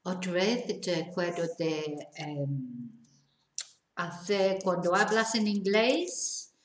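A woman with a Manchester accent teaches a bilingual language lesson at a very slow, deliberate pace. She reads each example sentence out carefully. The room around her echoes noticeably. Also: lowish voice, a little hiss or hum. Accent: Northern English, Manchester. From England. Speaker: English teacher.

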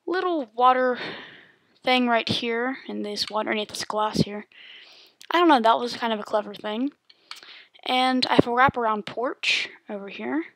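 A woman's voice: fairly high pitch, dry recording. A woman giving a casual, rambling voice-over tour of her game world, with lots of ums and likes. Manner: relaxed, rambling with many ums.

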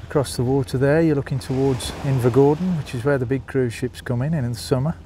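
A man with a Birmingham accent talks briskly in a dark, medium-pitched voice with fairly even intonation, with a little hiss or hum on the audio. He's a vlogger holding his phone on a walking tour of a small seaside town, calling his viewers folks.

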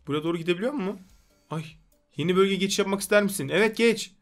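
High-voiced excitable young male gamer. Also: fast talker, faint music behind. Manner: rowdy, jokey, scolds game characters; put-on comic street talk. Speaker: gaming YouTuber. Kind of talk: excited gameplay commentary.

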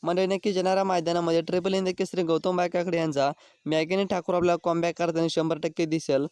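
A man's voice: fairly high pitch, flat delivery, fast, darkish tone, clear, resonant tone, no echo. A man hosting a channel, reading scripted race news and often addressing his viewers directly. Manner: repeatedly addresses viewers as friends. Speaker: channel host.

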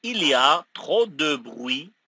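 A man teaching, saying each short phrase twice slowly and clearly for learners to repeat. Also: fairly high pitch, big pitch swings, pushed and bright, no echo, studio quality. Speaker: language teacher. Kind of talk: slow phrase-by-phrase pronunciation drill.

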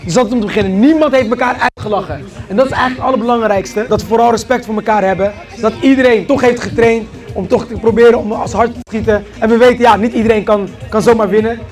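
A man's voice: high-pitched, fairly even intonation, fast, soft background music. A man hosting a prize ceremony outdoors, announcing winners and calling out names to a crowd. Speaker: vlogger and event host. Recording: loud crowd behind.

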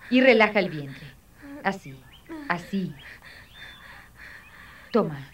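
An actress playing an experienced mother who calmly coaches a young woman through childbirth, patient and firm. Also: mid-range voice, recorded from a distance, natural voice. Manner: soothing, patient, firmly coaching. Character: calm experienced mother acting as midwife. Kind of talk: dubbed telenovela acting.

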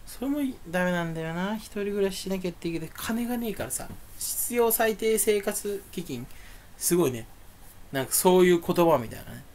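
Ranting young man, lively swinging pitch. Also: brisk, a little hiss or hum. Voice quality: voice sounds angry even when not. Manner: grumbling, ranting complaints with sudden loud outbursts. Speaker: streamer. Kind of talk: solo rambling monologue.

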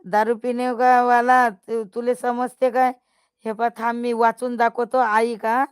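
An older woman chats slowly on a live stream, teasing and scolding her viewers. Her voice is smooth and clear, set at an ordinary middle pitch. The sound is close and dry. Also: level tone, no echo. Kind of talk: casual live-stream chat.

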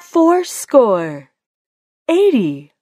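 A woman working as a bingo caller, announcing each call deliberately in short, separate phrases. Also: high voice, wildly swooping pitch. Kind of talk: bingo calling with rhyming nicknames, announced number by number. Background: music.

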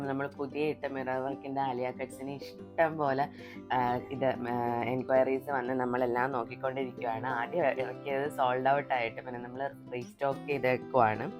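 A woman's voice: a bass voice, little pitch movement, fairly quick. Chatty young woman vlogging over music. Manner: chatty, keeps adding a friendly "you know" tag. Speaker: family vlogger and clothing seller. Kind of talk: casual vlog chat. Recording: background music under the voice.

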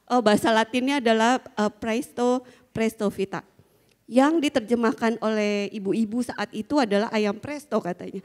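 A middle-aged woman speaks to a conference audience through a handheld microphone, her voice fairly high. She tells her stories in a loose, chatty way, full of fillers and little laughs. The sound carries a long reverb from a large hall. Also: a little mellow. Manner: chatty storytelling with frequent fillers and small laughs. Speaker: school founder giving a conference talk. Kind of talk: conference talk.

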